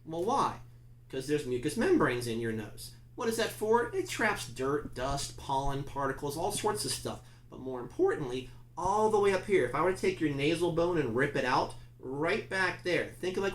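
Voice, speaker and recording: A man's voice: fairly high pitch, echoey room, rough recording. A man teaching a class in a conversational, emphatic lecture style, often asking his listeners questions.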